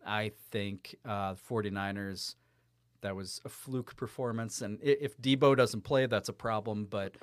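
A man's voice: fairly low pitch, a little slow, no room sound, clean studio sound. A man co-hosting a sports podcast in casual, chatty talk, laughing easily. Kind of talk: casual sports betting chat.

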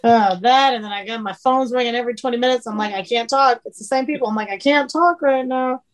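A woman's voice: fairly high pitch, fairly even intonation, fast talker, poor audio. A woman chef, a guest on a casual chat, talking frankly and swearing casually.

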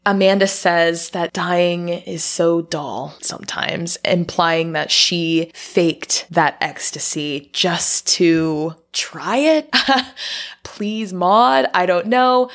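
Woman, lowish voice, podcast co-host, brisk plot recap with dry humor. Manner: brisk storytelling, dry asides. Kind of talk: casual film recap.

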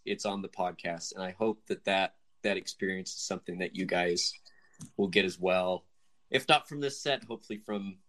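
Bright-voiced young man chatting enthusiastically. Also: medium pitch. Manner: rambling, enthusiastic, self-deprecating with laughs. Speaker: podcast co-host. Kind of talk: casual podcast chat.

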